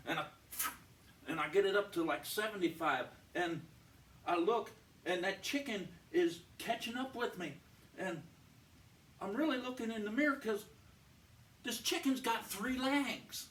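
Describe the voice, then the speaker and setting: A man's voice: high voice, a little slow, a bit bright. A man telling a long comic joke in a folksy, meandering way, full of restarts and fillers. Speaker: comedian. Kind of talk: rambling joke storytelling. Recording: roomy, distant mic, faint ambience.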